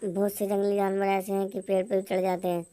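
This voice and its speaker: एक महिला कार्टून कहानी में एक बूढ़े, डींग मारने वाले और धमकाने वाले जंगल के चोर की आवाज़ सपाट कथा-वाचन अंदाज़ में पढ़ रही है।. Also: female voice, mid-range voice, brisk, smooth, close to an everyday voice. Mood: boastful. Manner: monotone storybook reading. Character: old male forest thief, boastful and threatening.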